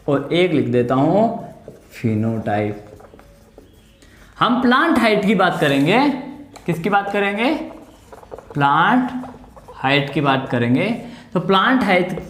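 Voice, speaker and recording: A male biology teacher giving an exam-prep lecture, asking his class questions and answering them himself, repeating key terms and using homely examples. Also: high voice. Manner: explains with homely everyday examples in a coaxing tone. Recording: echoey room.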